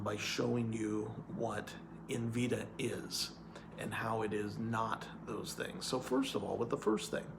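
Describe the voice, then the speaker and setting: Male hiring manager, gravelly tone, earnest, repetitive explainer; noisy background. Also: mid-range voice. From California. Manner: earnest, repeats points with "okay?". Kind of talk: explainer video monologue.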